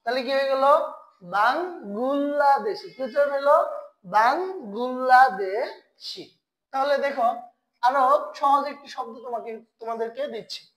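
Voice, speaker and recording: A woman teaching Korean pronunciation in an online lesson, asking questions and then answering them herself, and repeating key sounds slowly for her learners. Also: high voice, fairly even intonation, poor audio.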